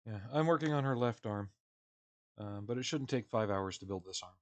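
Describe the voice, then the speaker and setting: A man live streaming from home while building a model kit, chatting casually with viewers in a rambling, relaxed way with fillers and chuckles. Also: on the low side, normal speed.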